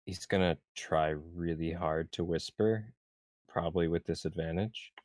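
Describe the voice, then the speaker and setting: A man's voice: deep voice, steady tone, moderate pace, a little mellow, dry recording, clean studio sound. A man playing a tabletop game, describing his character's moves in a playful way. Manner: playful, laughing often between in-character choices. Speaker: player.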